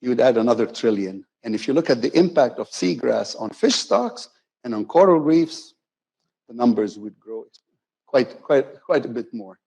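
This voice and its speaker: A man's voice: mid-range voice, mellow, low-quality recording. A man giving a conversational, playful conference keynote, often correcting himself mid-sentence. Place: conference hall.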